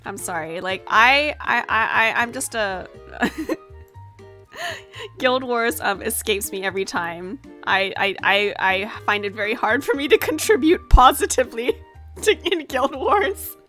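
With lively intonation and a sharp tone, a young woman's slightly high voice moves at an unhurried pace as she casually chats and giggles on a gaming livestream. She rambles into a desk mic with headset in a small room at home, with background music.

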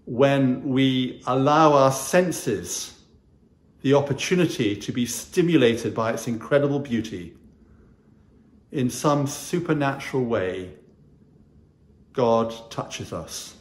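A man in his sixties, a chaplain, giving a gentle, earnest chapel talk to pupils, recorded on a camera at mid distance in a small wood-panelled room. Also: medium pitch. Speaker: school chaplain. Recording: roomy echo.

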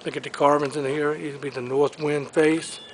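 A man's flat, higher-pitched voice lists items one at a time in short, clipped phrases at a moderate pace during an auction preview walk-through. Recorded on a handheld camera's microphone in a big furniture-filled auction showroom, the low-quality audio has slight background noise.

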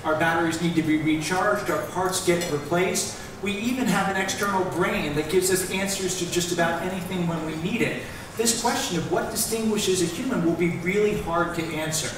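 A middle-aged American man with a high-pitched voice gives upbeat panel remarks at normal speed, standing and gesturing on stage in a large event hall while wearing a headset mic. The recording is echoey, with a distant mic and background noise.

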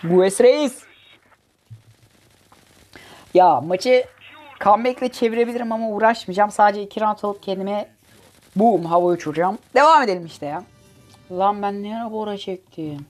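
A woman hosts her gaming channel with excitable, jokey commentary as she plays, teasing rival players and swearing at them. Her voice sits at a medium pitch and moves briskly, with faint music playing in the background.

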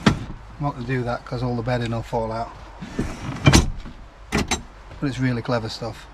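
A man's voice: mid-range voice, little pitch movement, moderate pace, heavy background noise. A man vlogging on a camping trip in a camper van, chatting casually with dry, self-mocking jokes. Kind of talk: casual vlog chat.

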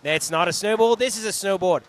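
A man's voice: high-pitched, a little fast, lightly acted. A man putting on a brash Australian outback man in an over-the-top mock Australian accent.

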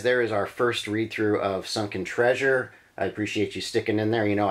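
A man hosting a read-through, reading a gamebook aloud with lively, dramatic emphasis and adding casual comments. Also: fairly low pitch. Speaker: channel host reading a gamebook.

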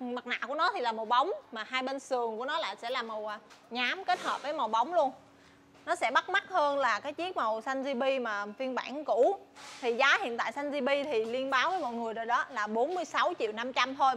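A young woman with a southern Vietnamese accent presents stock in a casual sales style. Her voice is high-pitched and her talk is chatty, with hesitations and repeated words. She is on a lapel mic in a large warehouse with faint background noise. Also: pushed and bright. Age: young adult. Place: large tin-walled motorbike warehouse. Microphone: clip-on lapel mic.

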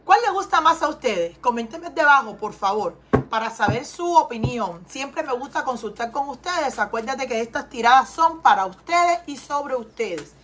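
Slight background noise accompanies this Cuban woman's high-pitched voice, which has lively intonation, normal speed and a bit of brightness. A tarot reader at home in Texas with a Cuban Spanish accent, she gives an earnest reading, repeating questions and urging viewers to respond.

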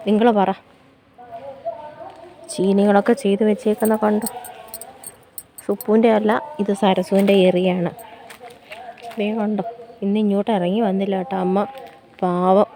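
A woman's voice: mid-range voice, warm tone, slight background noise. A homemaker from Kerala giving a casual walk-and-talk vlog in her garden, chatting to viewers and often asking them to look. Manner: chatty, keeps prompting viewers to look, playful mock laments. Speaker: homemaker and vlogger. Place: outdoors in a home garden.

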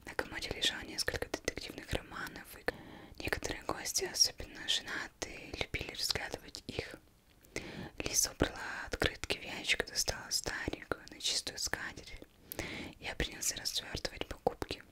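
A young woman reading a novel aloud as ASMR in a breathy, unvoiced whisper, very close, as if right in the listener's ear. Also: normal speed. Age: young adult. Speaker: ASMR reader. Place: indoors, plain studio backdrop. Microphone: close microphone.

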